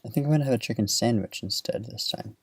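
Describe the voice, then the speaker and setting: A man voicing a sharp, suspicious wife in a spoken comic story. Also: medium pitch, quick pace, breathy edge, dry recording, studio quality.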